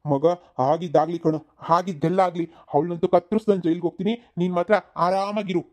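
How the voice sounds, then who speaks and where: A man voicing an enraged middle-aged village father in a cartoon comedy, shouting threats and later pleading for forgiveness. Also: high-pitched, steady tone, fast talker, close to an everyday voice. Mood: furious.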